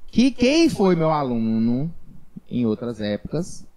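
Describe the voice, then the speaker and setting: A man's voice: medium pitch, huge pitch swings, slow pace, dark tone, low-quality recording. A middle-aged man, a dance teacher, talking casually and thoughtfully with frequent restarts. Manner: reflective, rambling with restarts. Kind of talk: casual interview chat.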